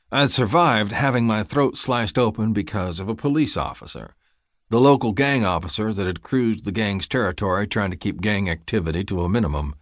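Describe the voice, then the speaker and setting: Audiobook reader, male, lowish voice, dry close mic, steady gritty first-person storytelling. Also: dry recording. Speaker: audiobook narrator. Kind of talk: scripted first-person narration.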